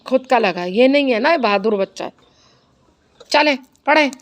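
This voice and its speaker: Woman, teacher, high voice, slow patient spelling, faint background noise. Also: animated. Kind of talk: classroom reading lesson.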